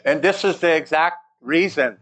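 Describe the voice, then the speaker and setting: A man's voice: a little high, fairly bright tone. Guy preaching a sermon line by line, earnest, repeats himself, waits for the translator. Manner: speaks in short phrases, pausing for translation. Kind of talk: sermon with interpreter.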